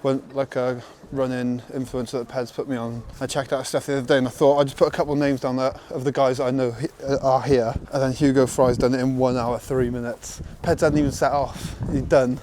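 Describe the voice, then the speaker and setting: A man giving a relaxed, rambling vlog update as a supporter. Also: medium pitch, fairly quick, hardly any pauses. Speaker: runner's friend and supporter. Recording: outdoor vlog with faint background noise.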